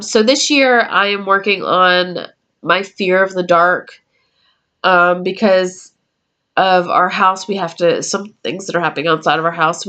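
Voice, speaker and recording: A woman's voice: fairly low pitch, fairly bright tone, muffled recording. A woman in her twenties talks casually to camera from her room at home, chatty and meandering, with frequent ums as she works through a list. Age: 20s. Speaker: YouTuber. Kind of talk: casual vlog talk.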